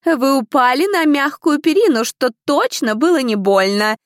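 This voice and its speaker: A woman voicing a stern female stewardess of a trial who scolds sharply and loudly. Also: high-pitched, lively intonation, normal speed, no room sound, clean studio sound, pitched above the performer's own voice.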